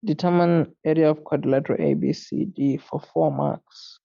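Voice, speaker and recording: A man tutoring maths, working through an exam paper out loud in a casual way, muttering to himself and sounding tired late at night. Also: fairly high pitch, steady tone, normal speed, creaky, muffled recording.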